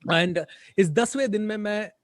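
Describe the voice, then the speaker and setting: A man's voice: sits high, measured pace, dry recording. A man hosting an interview on a motivational program, mixing English into his Hindi with emphatic enthusiasm.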